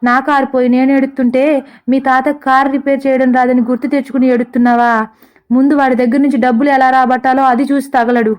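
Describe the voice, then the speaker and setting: A woman's voice: sits high, level tone, a little fast, darkish tone, natural voice. A woman voicing a short-tempered rich woman who scolds sarcastically, in a comic storybook. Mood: scolding.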